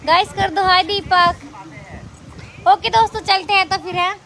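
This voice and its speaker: A woman's voice: very high-pitched, fairly even intonation, moderate pace, sharp tone. A woman chatting casually on a live stream, greeting and thanking viewers by name and cooing to a small child.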